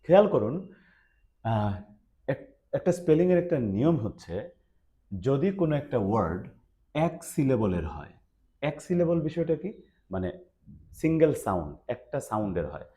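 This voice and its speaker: A man explaining English spelling rules, lively and emphatic, with frequent hesitation fillers. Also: medium pitch, measured pace, long pauses. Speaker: English teacher. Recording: dull lo-fi recording.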